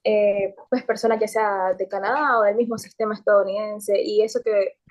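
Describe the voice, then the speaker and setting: A woman's voice: medium pitch, steady tone, normal speed. A woman with a Nicaraguan accent asking a guest questions, polite and hesitant, with many fillers and restarts. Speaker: audience participant asking questions. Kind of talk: casual interview questions.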